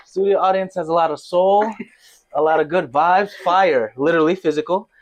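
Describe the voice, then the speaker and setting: A man's voice: a little high, normal speed. Playful hyped podcast host, a man. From Connecticut. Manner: playful, hyped, laughs a lot, shout-outs. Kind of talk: casual chat.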